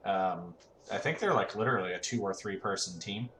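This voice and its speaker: A man's voice: low-pitched, brisk, a bit bright. A man giving laid-back, rambling let's-play commentary, full of fillers, from a room at home on a desk mic. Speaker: gaming channel host. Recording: roomy home recording with faint fan hum.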